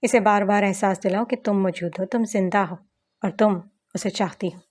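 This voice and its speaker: A woman reading an audiobook novel, voicing a serious, gentle young man who gives calm advice. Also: medium pitch, normal speed, close to an everyday voice. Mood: consoling. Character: calm, wise young man comforting a friend.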